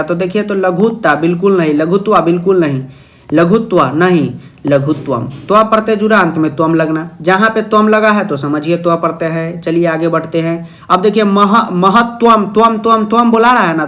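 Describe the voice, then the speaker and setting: With a high-pitched, somewhat bright voice, a young male teacher jokes his way through a Sanskrit exam-prep video, frequently asking questions and then replying in a student's voice.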